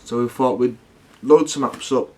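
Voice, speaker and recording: A man's voice: mid-range voice, normal speed, darkish tone. Man, casual rambling vlogger. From United Kingdom. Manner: rambling, slangy, with self-corrections. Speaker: paranormal investigation vlogger. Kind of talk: casual talk to viewers.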